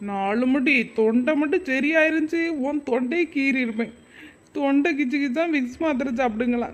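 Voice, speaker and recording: A woman's voice: high-pitched, fairly quick, close to an everyday voice. A woman voicing a young village wife with a fish bone stuck in her throat, muttering bitter asides. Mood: irritated.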